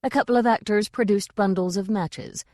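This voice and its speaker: A woman narrating an audiobook in a measured, dry reading style. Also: mid-range voice, darkish tone, dry recording. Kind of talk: scripted narration.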